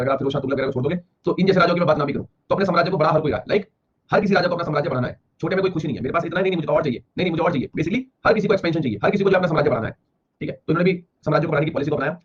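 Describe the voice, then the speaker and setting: A man teaching history in a classroom lecture, explaining rapidly and repeating himself, with an Indian accent. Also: on the high side, husky. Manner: rapid, repetitive explaining, slowing to read English lines aloud. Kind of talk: classroom lecture mixing Hindi and English. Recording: dull lo-fi classroom recording with faint ambience.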